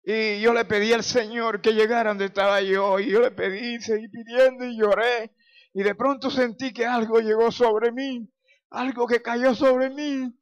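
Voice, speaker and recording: A man's voice: very high voice, steady tone, a little slow, highs cut off. A man in his sixties from Venezuela, a pastor giving a fervent, emotional personal testimony full of praise exclamations. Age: 60s.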